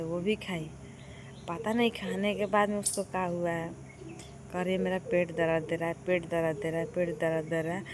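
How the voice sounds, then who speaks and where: A woman's voice: medium pitch, noisy background. Exasperated village vlogger woman. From Bihar, India. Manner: exasperated, complaining, addresses viewers directly. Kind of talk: casual vlog storytelling. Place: doorway of a village house, outdoors.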